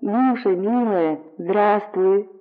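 A man's voice: high-pitched, drawn-out words. A man voicing a caring, determined young woman in a storybook reading. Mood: tender. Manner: gentle but resolute. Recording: narrow phone-like audio.

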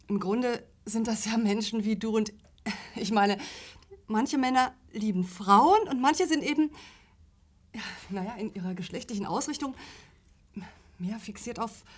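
In a radio play, an actress with a mid-range voice portrays a flustered, overly earnest middle-aged mother. She strains to sound tolerant and stumbles over her words.

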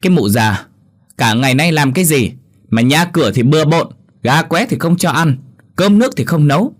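A man voicing a spiteful young village wife, shouting shrill abuse at her family. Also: animated, moderate pace. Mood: scolding.

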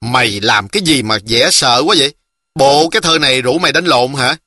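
A man's voice: mid-range voice, normal speed, bright, forceful tone, no echo, clean studio sound, natural voice. A man voicing a boastful, cocky village boy, teasing and breezy.

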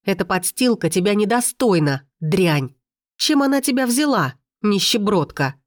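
A woman's voice: medium pitch, normal speed, a little mellow, no echo, studio quality, lightly acted. A woman voicing a spoiled, hysterical young woman who screams insults in an audiobook. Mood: shrieking. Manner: screaming, spiteful.

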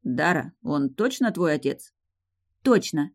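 A woman's voice: low voice, very animated, exaggerated voice. A woman voicing a hot-headed young male demon, a co-ruler who growls when jealous. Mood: brash. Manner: growling, quick-tempered.

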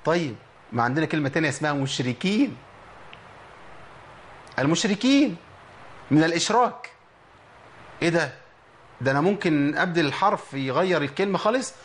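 A man with an Egyptian Arabic accent teaching Quran letter pronunciation, slowly drawing out example words between lively explanations. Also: fairly high pitch. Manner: slow drawn-out demonstration of words, lively explanatory talk.

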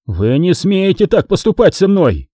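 A shaky, blustering aging mafia boss as a male narrator puts him on in a storybook. He talks a notch higher than the narrator, in a husky, mellow voice. The sound is dry and close. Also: big pitch swings, a little slow, no room sound. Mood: frightened.

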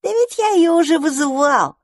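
A woman voicing a young boy mouse, eager and kind, talking in an excited way. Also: sits high, normal speed, dry recording, clean studio sound, pitched above the performer's own voice. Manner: excited, bright-eyed.

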